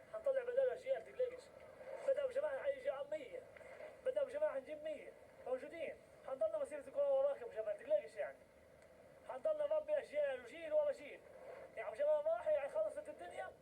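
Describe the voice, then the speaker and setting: A man's voice: very high voice, very fast, dark tone, slight background noise, low-quality recording. A young male with a Gazan Palestinian accent, speaking earnestly and insistently, repeating himself in an emotional interview.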